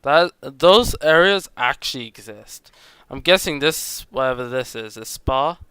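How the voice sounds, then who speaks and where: A young man streams a driving game, teasing his co-host and patiently explaining things, his showing. His voice is bright and very clear. The sound is dry, with no room echo. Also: mid-range voice, lively intonation, unhurried. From Netherlands. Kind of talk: casual chat while gaming.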